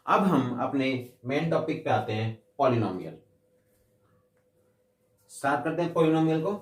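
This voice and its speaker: A man's voice: medium pitch, animated. A man explaining a maths lesson, patiently repeating each definition and asking himself questions before he answers them. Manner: slows down to read English definitions word by word. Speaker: maths teacher. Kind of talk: classroom explanation. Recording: echoey room, mic at a distance.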